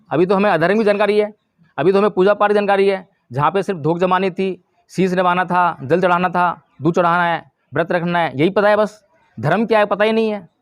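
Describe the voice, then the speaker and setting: High-voiced man giving a Dharma talk. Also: dry recording. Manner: explanatory, asks the audience questions. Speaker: Buddhist teacher.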